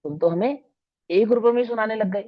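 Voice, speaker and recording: A man's voice: high-pitched, a little fast, no room sound, phone-quality sound, pitched above the performer's own voice, natural voice. A man voicing a cheeky, sulky eight-year-old boy who makes defensive excuses.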